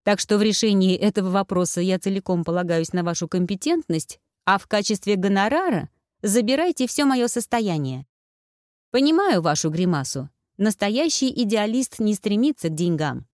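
A woman's voice: mid-range voice, expressive, normal speed, dry recording, clean studio sound, natural voice. A woman voicing a man's formal, ironic and gallant speech, in a storybook reading. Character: courtly, lovesick ex-husband, a grown man.

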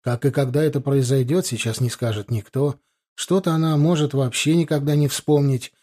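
A man narrating a story as an audiobook in a steady, even manner. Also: medium pitch, normal speed.

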